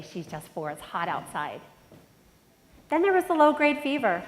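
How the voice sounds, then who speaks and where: Delivering a motivational keynote in a large conference hall, a middle-aged woman with a nasal voice relates a personal story and speaks right to the audience. Her voice is mid-range, and the recording has a little hiss or hum plus long hall reverb.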